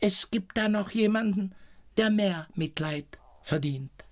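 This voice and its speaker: A man reading an audiobook, voicing a tearful grown daughter in soft, plaintive tones. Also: high-pitched, slow pace, pitched above the performer's own voice.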